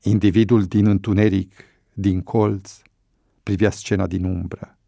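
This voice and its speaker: A male narrator reading a novel aloud with measured, unhurried delivery. His voice is low, gravelly and mellow. The recording is dry and close. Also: level tone, no room sound. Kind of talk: audiobook narration.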